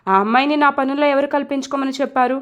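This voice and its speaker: An arrogant young man who bristles at every question and answers in short, defensive lines, read out by a woman. The voice sits high. It suits a spoken romance storybook. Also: level tone, rapid-fire, highs cut off, lightly acted. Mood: curt. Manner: curt, defensive. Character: arrogant young male boss, curt and cold.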